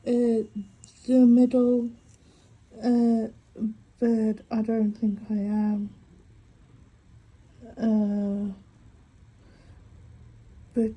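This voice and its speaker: Sketching while recording herself on a phone, a woman who stutters makes tangle art and talks casually to the camera, reflecting aloud to herself. Her voice is a little high and warm, and the rough recording carries some hiss or hum.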